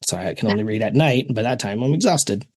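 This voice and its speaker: A man's voice: lowish voice, lively intonation, fast talker, a little mellow, slightly rough, no echo, studio quality. Earnest Canadian-accented man. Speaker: podcast host. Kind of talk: casual chat.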